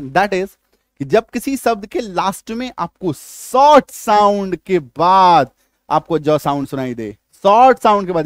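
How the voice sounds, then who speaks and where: A man with a high, bright voice explains spelling rules slowly and patiently. He keeps pausing to check that the learner follows along. The recording is dry and close, with little room sound. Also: no room sound. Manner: repeats checks like "ठीक है?" and "आया समझ में?" often. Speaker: English teacher. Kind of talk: spoken spelling lesson.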